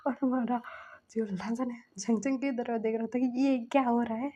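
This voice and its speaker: A woman casually retelling a fan story in a chatty way, often dropping to a soft near-whisper. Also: fairly high pitch, fairly even intonation, moderate pace. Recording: dull lo-fi recording.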